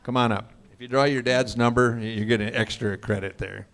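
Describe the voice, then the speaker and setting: A man emcees a live auction, calling names across the room and joking with the crowd. His voice sits at an ordinary middle pitch and carries loudly over the audience. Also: steady tone, brisk. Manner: jokey, booming crowd address. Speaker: auction host.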